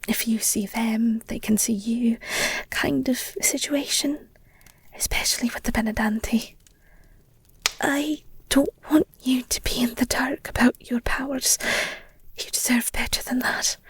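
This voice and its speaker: In full character voice, a woman roleplays a protective, devoted werewolf girlfriend in audio, high-pitched and breathily whispering. She sounds earnest, tender and halting, and there's no echo.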